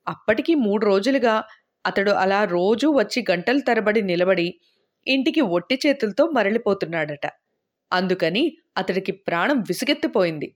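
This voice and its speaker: Female audiobook narrator with an even storytelling read and a mid-range pitch. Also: normal speed. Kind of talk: scripted narration.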